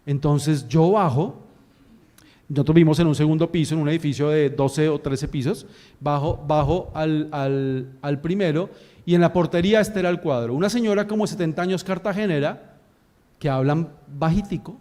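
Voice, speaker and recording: A pastor preaching with a notably high, light voice. He tells his story with lively energy, playing out each scene and the people in it as he goes. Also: normal speed. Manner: animated storytelling, acts out scenes. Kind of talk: sermon.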